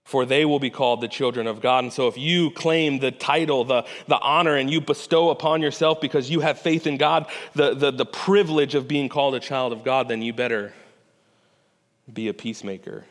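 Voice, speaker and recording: A pastor preaches a sermon in a church sanctuary, his loud, mid-range voice moving a little fast amid hall reverb. He's earnest and conversational, often restarting phrases and checking in with "right?".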